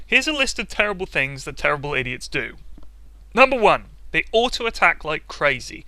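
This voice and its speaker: A man's voice: on the high side, big pitch swings, normal speed, bright, forceful tone, no room sound. A man delivering sarcastic, exaggerated comic commentary about playing an online game, closely miked. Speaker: video commentator.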